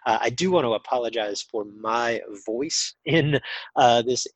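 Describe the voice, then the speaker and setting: A drag racing podcast host conducts an interview in a casual style, full of fillers, his mid-range voice measured and recorded dry. He's recovering from a cold that has nearly cost him his voice.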